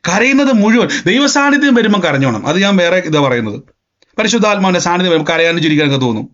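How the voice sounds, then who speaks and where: A man's voice: sits high, big pitch swings, quick pace, a bit bright. A man preaching a sermon emphatically, repeating phrases and acting out scenes. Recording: dull lo-fi sound.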